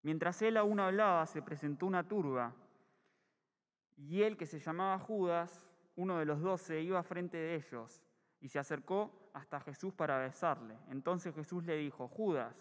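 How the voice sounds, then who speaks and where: A man reading scripture aloud at a church meeting, steady with brief self-corrections. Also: fairly high pitch, normal speed. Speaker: scripture reader. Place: church hall. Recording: echoey church hall.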